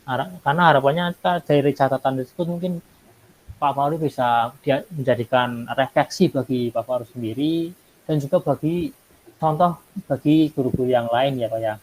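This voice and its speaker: A man's voice: medium pitch, moderate pace, low-quality recording. A male teacher leads a coaching conversation in an easy, encouraging tone. He keeps affirming his colleague politely. A faint noise sits under the voice. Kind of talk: coaching role-play chat.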